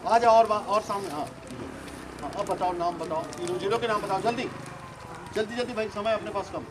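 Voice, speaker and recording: A man in his sixties, a retired forest officer, teaching schoolchildren outdoors in a forest, quizzing them and urging quick answers. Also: high-pitched, steady tone. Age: 60s. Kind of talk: outdoor nature lesson to schoolchildren. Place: outdoors in a forest with a group of children. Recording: noisy outdoor recording.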